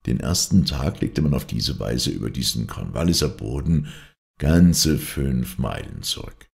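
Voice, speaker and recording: Reading a classic adventure novel as an audiobook narrator, a man speaks in a very deep, gravelly voice, keeping a measured, even pace throughout.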